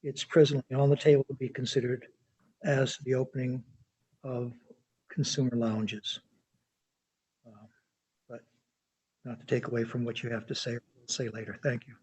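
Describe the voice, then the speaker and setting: Measured board chair running motions and votes, husky, mellow, dry sound. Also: male voice, medium pitch, little pitch movement, dry recording, rough recording. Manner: measured, procedural. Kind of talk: chairing a formal meeting.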